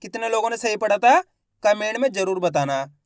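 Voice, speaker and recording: A man's voice: sits high, lively intonation, normal speed, dry recording, studio quality. A man teaching children's reading who sounds out each syllable and then blends the word, speaking to viewers as a friendly instructor. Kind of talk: slow syllable-by-syllable reading lesson.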